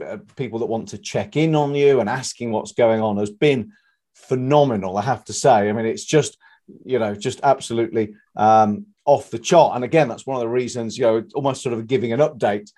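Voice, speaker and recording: Mellow-voiced man interviewing, halting delivery. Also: mid-range voice. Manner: halting, roundabout questioning with many hedging asides. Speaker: interviewer, host. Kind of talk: conversational interview.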